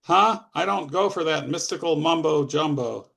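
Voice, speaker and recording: A man voicing an agitated, skeptical young man who protests loudly against mystical talk. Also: a little high, moderate pace, vocal fry. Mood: exasperated. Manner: exasperated, protesting.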